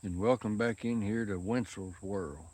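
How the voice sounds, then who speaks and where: A pipe-smoking vlogger, worn out and sweaty from work, rambles casually outdoors on a windy day about his pipe in a folksy rural way. He speaks at normal speed in a lowish, darkish voice with no room sound.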